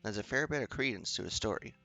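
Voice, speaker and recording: A wary, plain-spoken frontier sidekick who weighs her words in a dry drawl, as a man reads her aloud. The voice is low and gravelly. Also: expressive, quick pace, sharp tone, heavily acted. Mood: skeptical.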